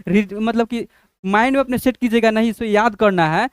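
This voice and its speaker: A man teaching letters as a teacher, in slow, drawn-out drills that keep asking what each letter makes. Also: high-pitched, smooth, dry recording, clean studio sound. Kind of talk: classroom-style lesson.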